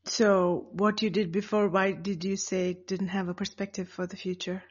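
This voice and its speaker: A woman's voice: medium pitch, level tone, normal speed, husky. A woman hosting a podcast interview, friendly and casual. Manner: friendly, laughs through slips. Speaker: podcast host. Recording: dull studio sound with faint music behind.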